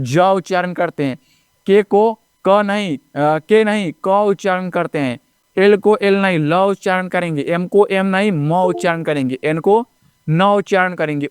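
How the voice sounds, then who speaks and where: A man teaching a basic lesson, talking repetitively and often checking in with his viewers as friends, spelling out letters slowly one by one. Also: high voice, smooth, no echo, studio quality. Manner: drawn-out letter-by-letter recitation. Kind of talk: classroom-style lesson narration.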